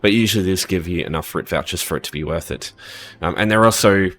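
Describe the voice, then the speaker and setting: A man's voice: sits low, fast, a bit bright. A man hosting a casual game walkthrough, informal and rambling with many ums and uhs, and he is losing his voice. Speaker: game guide host.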